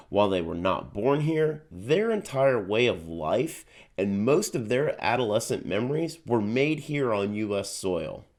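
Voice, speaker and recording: A man hosting a video, giving an earnest scripted introduction. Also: fairly low pitch. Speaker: host.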